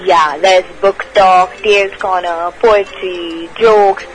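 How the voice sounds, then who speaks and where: A woman's voice: on the low side, fairly even intonation, slow pace, faint music behind, low-quality recording. A young woman with a North Indian accent co-hosting a radio show, chatting casually in a gushing, girlish way. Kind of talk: casual chat mixing Hindi and English.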